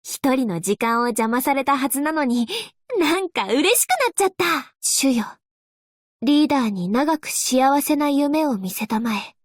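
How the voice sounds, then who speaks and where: Playing an upbeat, playful angel courier girl from a Japanese anime game, a woman speaks in a high, slightly slow voice, shifting from happy to solemn and prayerful. The studio-quality recording has no echo.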